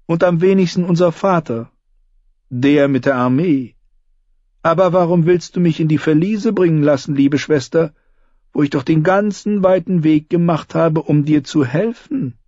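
A man's voice: on the high side, normal speed, darkish tone, dry recording, muffled recording, pitched above the performer's own voice, natural voice. A man reading an audiobook, voicing a clever, sardonic dwarf lord with a wry, mocking delivery.

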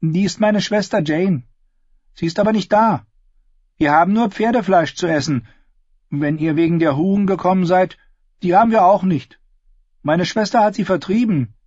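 A man reading aloud in the voice of a guarded, suspicious ten-year-old girl who asks sharp questions. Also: high-pitched, moderate pace, pauses often, no room sound, dull audio, voice pushed up. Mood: wary, blunt.

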